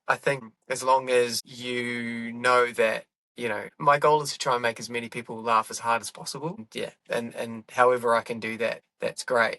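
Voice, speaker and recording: Middle-aged kiwi guy rambling on a podcast, bright forceful voice, dry close mic. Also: mid-range voice, dry recording. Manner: rambling, self-correcting, laughs often. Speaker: guest comedian. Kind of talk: casual podcast interview.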